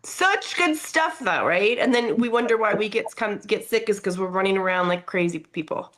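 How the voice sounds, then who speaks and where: A woman's voice: medium pitch, lively intonation, moderate pace, a bit bright. A woman co-hosting a casual talk show, chatting in an effusive, enthusiastic way. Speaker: show co-host. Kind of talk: casual chat with wellness tips.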